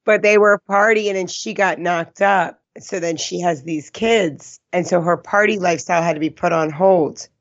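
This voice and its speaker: A man's voice: high-pitched, steady tone, normal speed, few pauses, fairly bright tone. A man co-hosting a casual comedy podcast, joking around and slipping into silly character voices. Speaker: podcast co-host. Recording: dull lo-fi audio.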